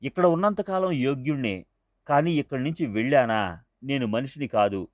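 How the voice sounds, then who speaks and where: A man's voice: moderate pace, no echo, natural voice. A man doing a sobbing, pleading devotee. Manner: pleading, sobbing, higher and strained. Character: weeping remorseful middle-aged male devotee, desperate. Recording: dull lo-fi dry recording.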